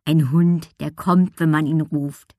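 A woman's voice: sits low, fairly even intonation, takes it slowly, a little mellow, dry recording, studio quality. A woman voicing a smug, skeptical older brother in an audiobook, teasing and mocking.

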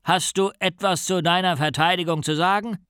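A man reading a storybook and voicing a big, gruff policeman on night patrol who barks orders in a pompous way. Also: medium pitch, moderate pace, a bit bright, dry recording, clean studio sound, natural voice. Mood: barking. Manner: barking, bossy, pompous.

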